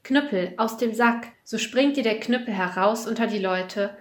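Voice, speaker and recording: A calm older man explains things in a measured, instructive way, as voiced by a woman reading a fairy tale. The voice sits a little lower and softer than the narrator's. It rings in a roomy echo. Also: natural voice. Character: older male master and father, calm, measured.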